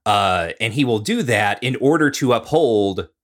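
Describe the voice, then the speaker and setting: A man co-hosting a podcast, explaining ideas in a measured, lecturing way with frequent "uh" and "right?". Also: mid-range voice, lively intonation. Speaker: podcast co-host. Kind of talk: casual explanatory discussion.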